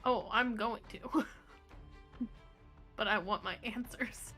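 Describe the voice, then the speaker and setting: A woman's voice: a little high, takes it slowly, pushed and bright, soft background music. A young woman playing a tabletop game, giggly and full of fillers, prone to shocked outbursts. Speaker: player.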